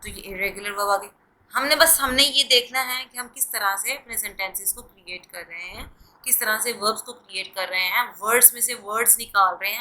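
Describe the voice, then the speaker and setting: A woman's voice: on the high side, pushed and bright, low-quality recording. A woman giving a patient, step-by-step grammar lesson, often checking in with her listeners. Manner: patient, explains step by step with repeated check-ins. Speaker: English grammar teacher. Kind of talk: classroom-style grammar lesson.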